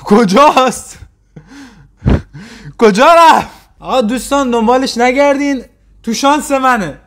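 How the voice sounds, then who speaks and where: A man hosting a reaction video, teasing and mocking the clips he plays with quick sarcastic retorts. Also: very high voice. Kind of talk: casual mocking commentary.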